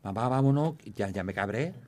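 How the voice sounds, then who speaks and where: Fast-talking man telling stories. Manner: animated storytelling, acting out his mother in a high voice. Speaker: comic actor, guest. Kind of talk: casual anecdotes in an interview.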